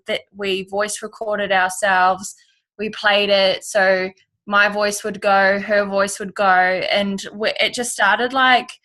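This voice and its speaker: A woman sharing a story on a team video call, giggly and animated. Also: mid-range voice. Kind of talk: casual chat.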